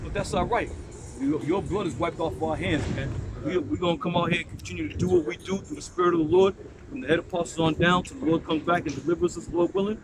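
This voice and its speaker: A man's voice: on the high side, fast, music in the background, low-quality recording. A man in his forties preaching on the street in a blunt, profane, emphatic way. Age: 40s. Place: outdoors by a busy street. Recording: outdoor traffic noise.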